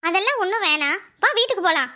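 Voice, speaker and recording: Woman doing a squeaky, quick cartoon wife, sarcastic and bossy, bright tinny voice. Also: expressive, heavily acted. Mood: teasing. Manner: scolding, sarcastic retorts. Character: young village wife, sharp-tongued and teasing. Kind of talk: cartoon voice acting.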